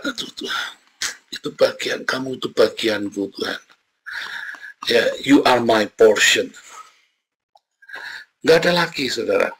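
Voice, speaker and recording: A man preaching a sermon as pastor, animated and dramatic, often turning to address his listeners directly. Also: lowish voice, vocal fry, husky.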